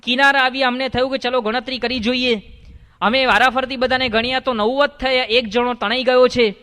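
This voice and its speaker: Told by a man, a band of frightened young villagers pours out their worry in a high, bright voice. The voice sounds like it is speaking in a big hall, with a long reverb behind it. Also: steady tone, a little fast, clear, resonant tone. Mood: distraught. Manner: pleading, upset. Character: group of distraught young village men.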